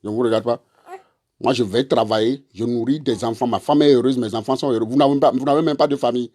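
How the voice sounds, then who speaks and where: A man's voice: medium pitch, steady tone, fast, darkish tone. A man, delivering a confrontational, repetitive monologue that scolds his listeners directly. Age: 40s. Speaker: online commentator; father and husband. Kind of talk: ranting monologue to camera.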